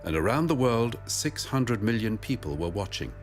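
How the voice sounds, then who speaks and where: Male doc narrator, lowish voice, very varied pitch, scripted read with music behind. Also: big pitch swings, moderate pace. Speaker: documentary narrator.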